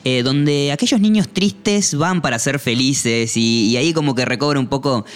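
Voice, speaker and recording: A man co-hosting a casual music review chat, talking in a relaxed, chatty way with frequent fillers. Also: mid-range voice, normal speed. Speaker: podcast co-host.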